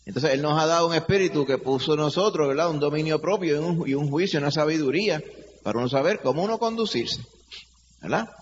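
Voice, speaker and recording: A man gives a teaching sermon, pausing often to ask his listeners whether they follow and to draw an amen. His voice rides slightly high and trails into a long hall reverb. The recording is dull and lo-fi, with a faint hiss behind it. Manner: checks in with listeners, "verdad?" and "amen". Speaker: preacher. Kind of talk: interactive Bible study sermon.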